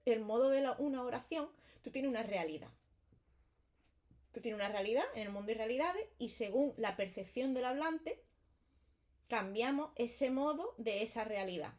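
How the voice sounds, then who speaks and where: Chatty woman teaching grammar. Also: medium pitch. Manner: chatty, explains with repeated examples and checks with "vale". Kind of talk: casual exam-prep lesson.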